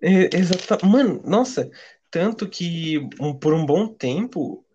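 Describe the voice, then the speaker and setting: A young man speaks with a Brazilian Portuguese accent in a fairly high voice. He chats informally, full of slang, and the recording sounds dull and lo-fi. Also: lively intonation, slow, mellow, slight background noise. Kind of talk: casual chat.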